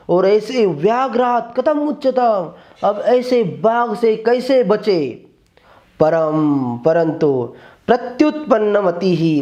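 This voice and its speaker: A man's voice: sits high, a little mellow, dull audio. A man teaching Sanskrit. He reads each line of a text and then explains it word by word in Hindi.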